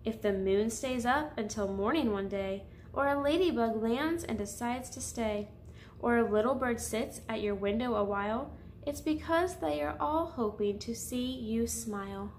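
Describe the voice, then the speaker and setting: Speaking in an unhurried, slightly mellow way, a woman with a fairly high voice reads picture-book narration at a children's story time. She addresses her young audience directly, and faint background noise can be heard behind her.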